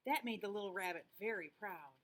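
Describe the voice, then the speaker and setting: An older woman reading a children's storybook aloud in the expressive manner of a sweet old lady. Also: medium pitch, a little fast.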